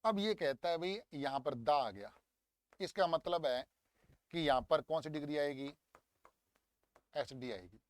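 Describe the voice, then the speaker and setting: A young man teaching English grammar in a lively, coaxing way, walking through an exam paper and drilling words aloud. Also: fairly high pitch, a little slow, pauses often, no echo. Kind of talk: exam paper walkthrough lesson.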